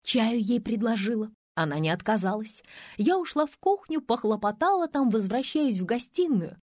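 A woman playing a shrill young mother in an audiobook, pitched well above the reader's own voice and crying out in agitation. The sound is dry and close, with no room around it. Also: sing-song, normal speed, darkish tone, no echo. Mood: aggrieved. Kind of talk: audiobook reading.

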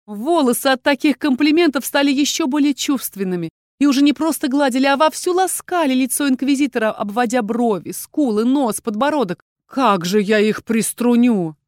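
A woman narrating a fantasy audiobook in an expressive, lively reading style. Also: high voice, a little fast, few pauses, dry recording, studio quality.

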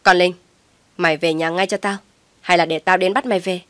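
A woman voicing an enraged middle-aged mother who shouts and scolds harshly, in a dry, close recording. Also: fairly low pitch, fairly quick, no room sound, lightly acted. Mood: furious.

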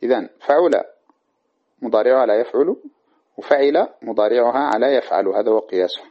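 A man with a husky, breathy voice teaches classical grammar in a lecture, patient and methodical, stopping often to ask if it is clear. His speaking pitch sits in an ordinary middle range. The recording is dull and lo-fi. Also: brisk. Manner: patient explainer with frequent check-in questions.

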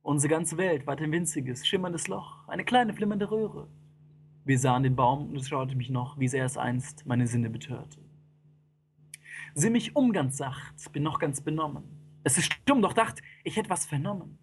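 A performer giving a dramatic spoken-word poem, reciting in rhyme with a theatrical delivery that swings from hushed lines to frantic chanting. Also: medium pitch, normal speed, slight background noise. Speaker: poet and performer.

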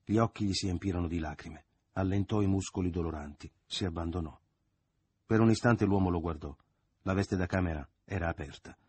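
A man reading a novel aloud as an audiobook, in measured and dramatic narration that at times sinks quiet. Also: sits low, breathy edge, dry recording. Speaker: audiobook reader.

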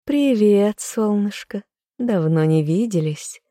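A woman's voice: mid-range voice, lively intonation, takes it slowly, dark tone, no room sound, studio quality, voice pushed up. A woman reading an audiobook, voicing a smug, treacherous young noblewoman with a purring, giggling, haughty delivery.

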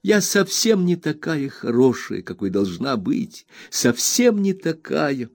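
A man's voice: big pitch swings, takes it slowly, creaky, no room sound, studio quality, full character voice. A man voicing a tearful, remorseful young woman who pleads between sobs. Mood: sobbing plea. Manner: sobbing, high-strung pleading.

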